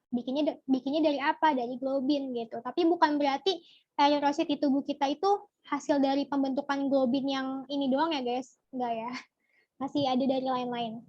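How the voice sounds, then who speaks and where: The speaker is a young woman tutoring biology online in a laid-back way; she quizzes her audience and picks up their answers from the chat. Her tone is high and bright, and the recording, dry, somewhat dull and without room sound, resembles a simple home rig.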